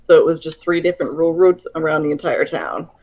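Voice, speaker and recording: A woman from Connecticut chatting casually, pausing often with hesitant fillers. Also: low voice, lively intonation, a little mellow. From Connecticut, United States. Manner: hesitant, fills pauses with um. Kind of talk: casual chat. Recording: dull lo-fi stream audio.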